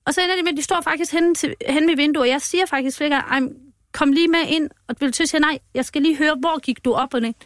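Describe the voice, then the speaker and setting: A woman with a high voice tells her story as an interview guest, recorded dry and close. She is plainly moved and speaks haltingly, often breaking off and starting her sentences again. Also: dry recording. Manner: halting and emotional, many restarts. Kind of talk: personal account in a podcast interview.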